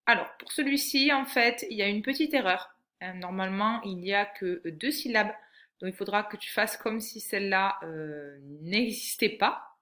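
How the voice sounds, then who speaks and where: A woman teacher giving a patient, clearly articulated reading lesson to a young child. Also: mid-range voice, moderate pace, sharp tone.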